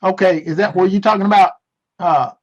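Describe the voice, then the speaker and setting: High, husky man teaching Bible class. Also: a little fast, muffled recording. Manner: playful, teasing, responds to chat. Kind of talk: casual online Bible class. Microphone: video call.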